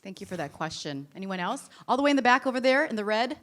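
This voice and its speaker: A woman's voice: on the high side, animated. A woman moderating a festival Q&A, upbeat, calling on the audience and joking with the guests. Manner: upbeat, quick to prompt and joke. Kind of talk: hosting a festival Q&A. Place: film festival screening.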